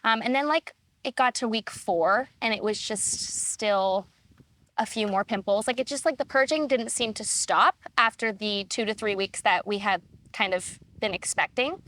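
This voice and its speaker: A young woman guest chatting casually on a podcast, filling her talk with "like" and quick asides. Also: mid-range voice, a bit bright. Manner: chatty, many "like" fillers. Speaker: guest, assistant. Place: farm, recorded on location.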